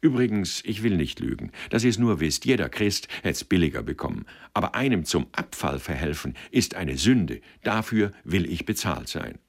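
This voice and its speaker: Male reader playing a haggling clothes dealer, blunt and shrewd, pitched above his deep own voice. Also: very animated, moderate pace, hardly any pauses, heavily acted. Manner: blunt, wheedling.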